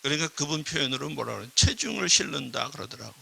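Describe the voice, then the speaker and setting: Bright, gravelly, animated male preacher. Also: on the high side, fast talker. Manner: animated preaching, acts out quoted dialogue, asks the congregation questions. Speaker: pastor. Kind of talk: sermon.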